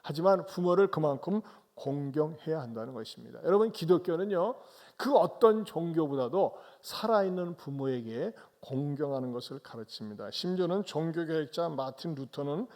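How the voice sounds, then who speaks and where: A male pastor preaches a Sunday sermon in a church. His voice is gravelly and sits slightly high for a man. He tells a story dramatically and keeps asking the congregation rhetorical questions. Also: animated, moderate pace, a little mellow.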